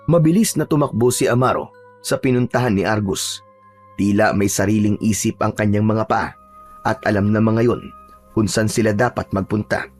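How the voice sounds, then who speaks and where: Husky male horror-story narrator. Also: lowish voice, moderate pace, faint music behind. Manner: steady storytelling.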